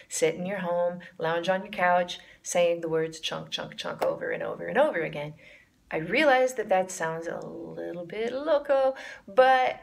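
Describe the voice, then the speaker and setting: A woman's voice: lowish voice, vocal fry. A woman teaching a casual jazz lesson to camera, enthusiastic and chanting rhythmic syllables to demonstrate the beat.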